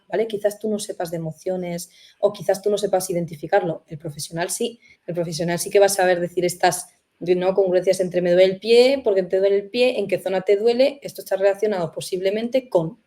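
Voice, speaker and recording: A woman's voice: medium pitch, steady tone, a little fast, dark tone. A woman hosting a conversational interview, reflective and full of rhetorical questions. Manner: reflective, uses many fillers and rhetorical questions. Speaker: host.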